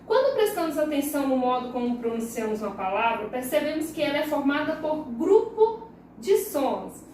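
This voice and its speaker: A woman's voice: high voice, sing-song, normal speed, a little mellow, a little hiss or hum. A woman teacher with a Brazilian Portuguese accent giving a recorded lesson for young children, patiently drawing words out syllable by syllable. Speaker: primary school teacher. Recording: very echoey room, voice far from the mic.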